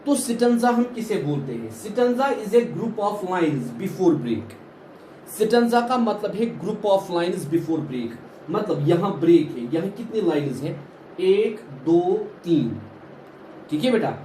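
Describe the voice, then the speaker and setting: Male teacher, higher register, very expressive pitch, slow deliberate lecture delivery, echoey room. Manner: explains in Hindi, slowly repeats English definitions, often says "ठीक है बेटा". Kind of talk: classroom poetry lecture. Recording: echoey room with faint background noise.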